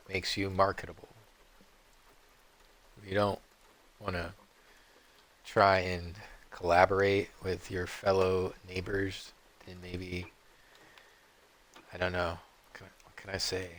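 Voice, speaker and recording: A man streaming a game, rambling off on tangents and often clearing his throat. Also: sits low, fairly bright tone. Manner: meandering, digressive, frequent throat clearing. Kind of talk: rambling live-stream commentary.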